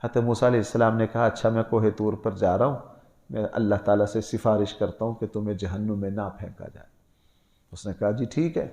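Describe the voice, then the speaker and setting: A man's voice: on the low side, steady tone, a little mellow, echoey room. A male Islamic scholar with a Pakistani Urdu accent gives a sermon-style Quran lesson, earnest and storytelling, with rising emphatic peaks.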